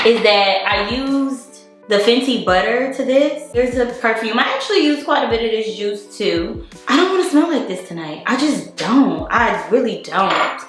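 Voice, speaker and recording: A woman's voice: fairly high pitch, fairly bright tone. A woman in her young adult years, chatting casually through a get-ready makeup tutorial, filling her talk with "like". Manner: casual, chatty, lots of "like" fillers. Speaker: beauty vlogger. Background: faint music.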